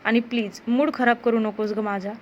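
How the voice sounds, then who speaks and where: A woman's voice: fairly high pitch, fairly even intonation, moderate pace, muffled recording, a little hiss or hum, close to an everyday voice. A woman voicing a possessive, desperate young man who pleads and insists with his lover. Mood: pleading.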